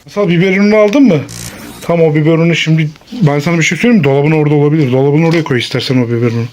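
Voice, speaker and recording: A man playing pretend with his child at home, animated and coaxing in a family vlog. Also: on the high side, very fast, slight background noise. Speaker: father. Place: at home, indoors.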